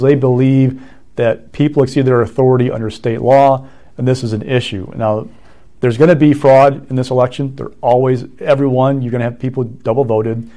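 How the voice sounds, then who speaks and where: A man's voice: medium pitch, warm tone. A male political reporter giving analysis on a talk show, explaining plainly and speeding up through lists.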